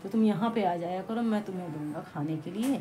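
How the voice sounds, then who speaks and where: A woman casually recounting a traditional devotional folk story, chatty and halting, breaking off to restart lines and speak to the listeners around her. Her voice sits at an ordinary pitch. The recording has clear background noise throughout. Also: dark tone. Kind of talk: casual folk tale telling.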